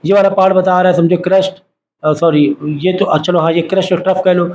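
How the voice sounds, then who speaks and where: A male science teacher gives a lecture to his students, repeatedly firing short questions and having the class repeat terms back in call-and-response. His high, level voice is a little fast and slightly mellow, captured in a muffled recording with slight background noise.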